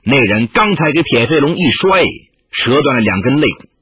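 A man reading a novel aloud as a storyteller in an expressive, dramatic manner, on a dull lo-fi recording. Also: medium pitch, moderate pace, breathy edge, no room sound. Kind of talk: audiobook reading.

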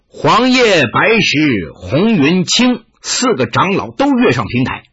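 嗓音沙哑的男说书人. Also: male voice, fairly high pitch, wildly swooping pitch, slow pace, a bit bright, husky, muffled recording. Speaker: narrator. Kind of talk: storytelling narration of a martial arts novel.

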